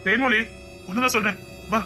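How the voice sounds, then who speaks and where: A woman voicing a quick-tempered young husband who curtly orders his wife in a dubbed serial drama. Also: a little high, steady tone, pushed and bright, soft background music. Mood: commanding. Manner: curt, commanding.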